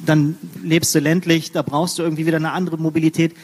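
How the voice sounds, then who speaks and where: Husky man from Berlin, in a reverberant hall. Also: fairly high pitch, level tone, fast talker, a little mellow. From Berlin, Germany. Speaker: panelist. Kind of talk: panel discussion.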